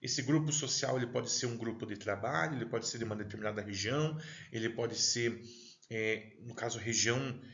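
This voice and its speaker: A man's voice: mid-range voice, a little fast, a bit bright, highs cut off. A male teacher with a Paraná accent giving a recorded class lecture, chatty and digressive, constantly checking in with the listener. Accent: Paraná, southern Brazil.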